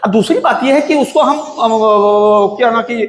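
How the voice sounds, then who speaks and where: An exasperated village schoolmaster, stammering and half-laughing as he scolds his pupils. His voice sits high, and the room around it is echoey. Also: unhurried, background noise. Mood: pompous. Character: flustered, exasperated village schoolmaster, middle-aged man. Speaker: village teacher. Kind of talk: rustic slapstick comedy sketch.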